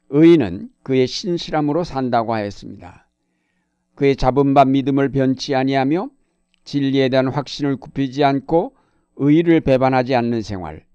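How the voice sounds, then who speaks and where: Calm Korean pastor preaching in a mellow voice. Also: male voice, mid-range voice, clean tone, dry recording, dull audio. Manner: calm, measured preaching with slow, weighty scripture readings. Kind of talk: sermon.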